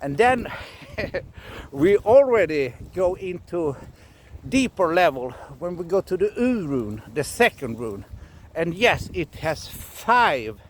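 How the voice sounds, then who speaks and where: A man from Scandinavia, teaching casually in a halting way, often repeating himself and laughing. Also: on the high side, big pitch swings, a little hiss or hum. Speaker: runologist teacher. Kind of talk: casual explanatory lesson.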